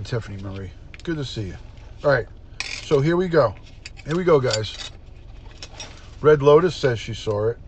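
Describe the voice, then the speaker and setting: Sniffling through a stuffed-up nose, a middle-aged man who is a retired detective greets his livestream viewers by name in a chatty, casual way. His voice is medium-pitched, and a little hiss or hum can be heard.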